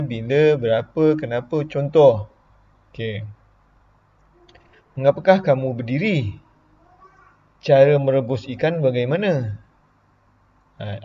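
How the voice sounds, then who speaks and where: A man's voice: mid-range voice, breathy edge, dull audio. A man with a Malaysian Malay accent, a primary school teacher giving an online lesson in a chatty way, explaining with repeated example questions.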